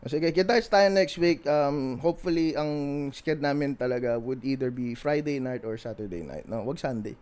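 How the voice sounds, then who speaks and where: A man's voice: medium pitch, moderate pace, few pauses, darkish tone. A Filipino-accented man co-hosting a casual livestream podcast, switching between languages, laughing a lot and swearing casually. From Philippines. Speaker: podcast co-host.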